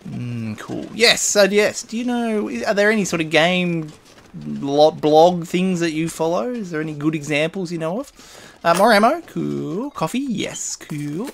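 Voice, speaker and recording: A man's voice: on the high side, lively intonation, a little slow, vocal fry, fairly bright tone, a little hiss or hum. A man giving casual, rambling commentary while playing a survival game, muttering item names and laughing to himself. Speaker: gaming video host.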